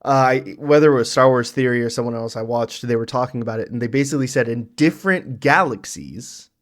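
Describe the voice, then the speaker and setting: A man's voice: mid-range voice, quick pace. A man hosting a casual reaction chat, rambling on as he explains lore at length. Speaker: reaction show host.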